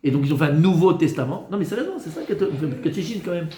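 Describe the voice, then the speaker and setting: A man, a rabbi, teaching a class in lively style, often asking questions and answering them himself. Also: a little high, rapid-fire. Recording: echoey room.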